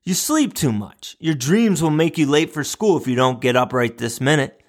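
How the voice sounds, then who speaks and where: A man's voice: fairly high pitch, lively intonation, normal speed, close to an everyday voice. A man voicing a young mother hurrying her son out of bed, in a raised, pushing voice. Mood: scolding. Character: young mother, brisk and scolding.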